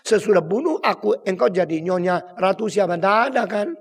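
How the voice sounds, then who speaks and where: A man's voice: high-pitched, brisk, husky, in a large hall, voice pushed up. A man voicing a bragging middle-aged king in a sermon. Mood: nervous. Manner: bragging, scoffing. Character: boastful proud middle-aged male king.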